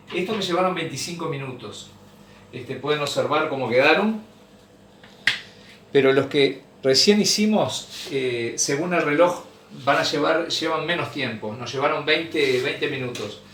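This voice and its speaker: A man's voice: medium pitch, fairly bright tone, a little hiss or hum. Man teaching cooking, roomy kitchen. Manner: patient, repeats and corrects himself. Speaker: cooking show host. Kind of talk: home cooking demonstration. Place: home kitchen. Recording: echoey room, mic far off.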